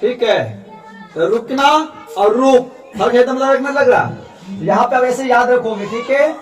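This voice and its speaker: A man's voice: very high voice, a little slow, faint music behind. Male teacher, patient and repetitive, echoey room. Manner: patient, repeats sounds aloud for students. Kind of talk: classroom grammar lesson. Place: classroom. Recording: echoey classroom, distant mic.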